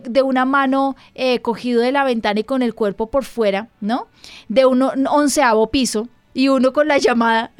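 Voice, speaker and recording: A woman pastor and radio host speaks with earnest emphasis, slightly high in pitch. The sound is dry and close, with no room behind her. She talks through parenting points in a conversational way. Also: a little mellow, dry recording. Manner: earnest, emphatic, acts out dialogue with her child. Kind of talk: conversational parenting advice talk.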